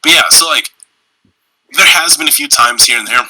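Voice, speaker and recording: A young man talks loosely on a casual podcast, swearing and getting animated as he tells his stories. His voice is very bright and a bit husky. The sound is dry and close. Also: on the high side, moderate pace, no echo, low-quality recording. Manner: loose, profane, animated storytelling. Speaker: podcast co-host. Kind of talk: casual chat.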